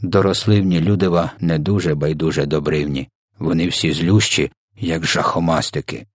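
A man voicing a big, kind old giant who talks slowly and mangles his words. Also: a bass voice, fairly even intonation, no echo, studio quality. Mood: gentle, stubborn.

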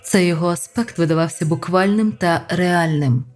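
An audiobook narrator reads scripted prose in a measured, even way. The pitch sits mid-range, and soft music plays faintly underneath. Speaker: audiobook reader.

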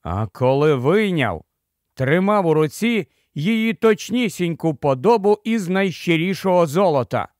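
A man narrating an audiobook in a measured storytelling manner. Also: fairly high pitch, sing-song, a little mellow, no room sound, studio quality. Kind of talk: scripted narration.

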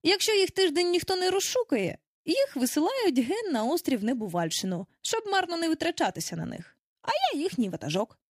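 A woman's voice: high voice, big pitch swings, dry recording, studio quality, pitched above the performer's own voice. A woman reading an audiobook, voicing a cheeky boy who never grows up, boastful and breezy. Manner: boastful, breezy, quick to brush things off.

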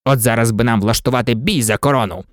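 A man voicing a boastful, excitable unicorn who likes to exclaim. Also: mid-range voice, quick pace, dry recording, clean studio sound, pitched below the performer's own voice, lightly acted. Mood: cocky. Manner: eager, exclaiming.

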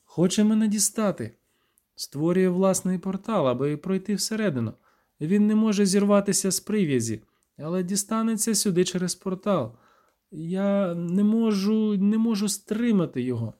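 Male reader doing a raised-voice imperious sorceress, storybook. high, urgent, commanding. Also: animated, normal speed, warm tone. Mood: strained. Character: proud fierce adult sorceress, commanding. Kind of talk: audiobook character reading.

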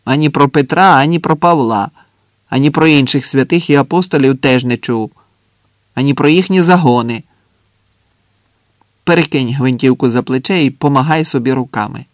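A man's voice: medium pitch, moderate pace, pauses often, no echo, studio quality, lightly acted. A man voicing an older male soldier in a trench who scolds in a sardonic, mocking way in an audiobook.

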